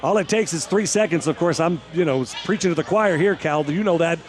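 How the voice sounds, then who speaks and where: A man calling wrestling play-by-play as a commentator, excited and emphatic, breaking into shouts on the big moves. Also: a little high, a little fast. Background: music, arena.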